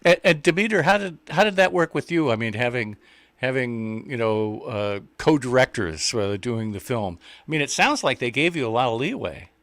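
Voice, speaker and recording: A man's voice: medium pitch, expressive, fairly bright tone, dry recording. Male radio host, stop-start questions, dry close sound. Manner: halting, repeats words while asking. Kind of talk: interview questions.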